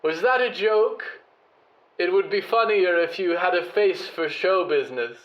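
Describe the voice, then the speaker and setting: A man's voice: high voice, a little slow, dull audio, voice pushed up. A man voicing a big, haughty show-business lady with a grand, condescending drawl in an audio drama. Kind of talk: audio fiction monologue and dialogue.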